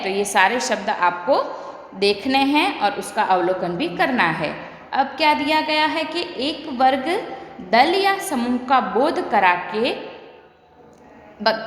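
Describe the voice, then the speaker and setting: Woman teacher for an online grammar class, slow and patient, roomy echo with a long tail. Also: mid-range voice. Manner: slow, explaining step by step, checks if students follow. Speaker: Hindi teacher. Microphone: online class recording. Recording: echoey room with long reverb.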